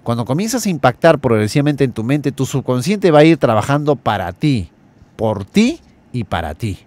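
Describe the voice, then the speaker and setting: A man hosting a motivational radio talk, earnestly addressing listeners and slowly listing words. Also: mid-range voice, sing-song, a little mellow. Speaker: radio host.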